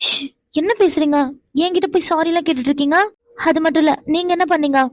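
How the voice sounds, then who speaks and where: A very high, quick voice for a fretful young cartoon wife who gets flustered and stammers when teased, played by a woman. The sound is close and dry. She exclaims and protests often. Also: steady tone, dry recording. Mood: tender. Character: young flustered wife, shy and easily embarrassed. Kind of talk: animated cartoon voice acting.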